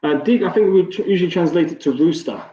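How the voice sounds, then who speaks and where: A fairly high-voiced man teaches an online Arabic class and walks students patiently through each point. His voice sits in an echoey room and the sound is slightly dull. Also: quick pace, dark tone. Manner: patient, encouraging, explains step by step.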